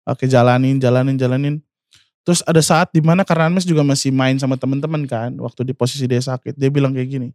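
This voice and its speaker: A man in his twenties, a singer and guest, telling an emotional personal story in a halting way, full of fillers and speaking of himself by name. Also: medium pitch, fairly even intonation, a little mellow, no room sound, clean studio sound. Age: 20s.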